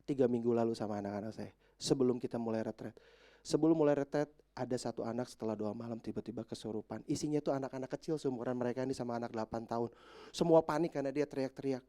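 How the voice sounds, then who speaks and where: A male pastor preaching a sermon to a church congregation, turning from quiet, chatty asides to shouted high climaxes, asking the listeners questions and slipping into casual slang. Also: fast talker. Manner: addresses the congregation directly with questions; mixes in casual slang and English words. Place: church service.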